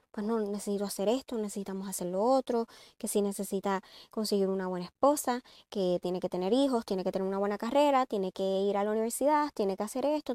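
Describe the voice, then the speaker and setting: A woman's voice: a little high, dry recording. Lady talking parenting, earnest, dry close sound. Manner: earnest, advising, shifts between calm and emphatic. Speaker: parenting speaker. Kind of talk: reflective talk on a book.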